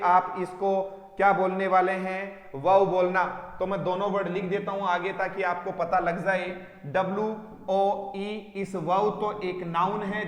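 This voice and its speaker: High-pitched, slow, echoey vocabulary teacher. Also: male voice, a bit bright. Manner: addresses students as dear children, asks and repeats answers. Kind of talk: online vocabulary class. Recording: echoey room with long reverb.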